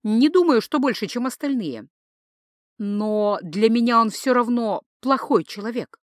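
A woman's voice: on the high side, expressive, unhurried, dry recording, studio quality. A woman reading an audiobook, voicing a blunt, exasperated young woman.

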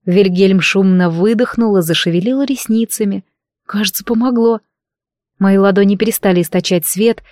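A woman's voice: medium pitch, a little mellow, no room sound, studio quality. A woman reading a first-person audiobook with an emotional, intimate delivery. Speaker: audiobook narrator.

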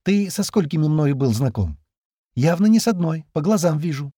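A man's voice: a little high, expressive, moderate pace, dark tone, no echo, clean studio sound, voice pushed up. A man voicing a naive, teasing young woman who grows insistent, read for an audiobook. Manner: playful, innocent, then insistent.

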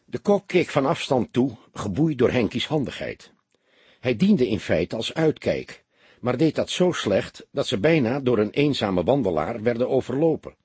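A man narrating a detective audiobook in an expressive storytelling manner. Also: medium pitch, normal speed, breathy edge, dry recording.

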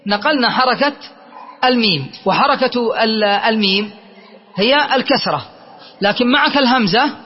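Man, grammar teacher, classroom lesson, very high pitch, asks students questions, repeats forms, muffled lo-fi sound. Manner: repeats word forms slowly to drill. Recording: muffled lo-fi lecture recording.

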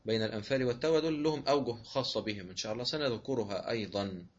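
A man's voice: medium pitch, rapid-fire, lo-fi sound. A man with an Egyptian accent teaching Quran recitation rules in an online lesson, patiently repeating each rule and answering his own questions. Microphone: online voice room.

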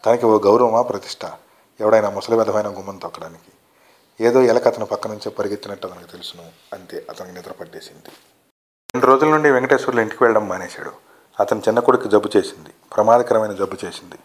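A man reading a short story aloud as narrator, in a steady, earnest way. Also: on the low side, fast. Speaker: story reader.

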